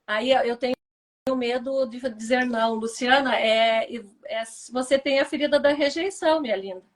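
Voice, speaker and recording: High-voiced woman telling a story. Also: moderate pace. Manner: animated storytelling, acts out quoted dialogue. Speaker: therapist and mentor. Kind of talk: casual live-stream chat.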